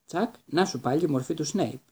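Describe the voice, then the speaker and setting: A man narrating an audiobook in a steady, even storytelling read. His voice is dark and mellow, with a husky edge to it. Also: a little high.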